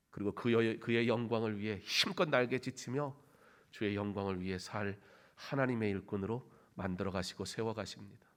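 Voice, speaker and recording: A man preaching a sermon in a church, swinging between loud emphatic bursts and quiet, intimate stretches, acting out quoted phrases. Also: medium pitch. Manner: acts out quoted phrases with big dramatic shouts. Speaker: pastor. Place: church sanctuary.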